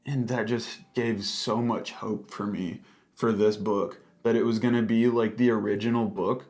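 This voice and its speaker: A man's voice: lowish voice, level tone, measured pace, a little mellow. A man co-hosting a casual book discussion, sounding exasperated and opinionated, peppering his talk with "like". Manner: exasperated, frequent filler "like".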